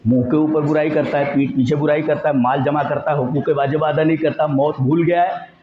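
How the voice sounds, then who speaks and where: A man giving a Friday sermon in a mosque, emphatic and animated, sometimes acting out voices in quotes. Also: a little high, fairly quick, reverberant, phone-quality sound, a little hiss or hum. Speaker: preacher.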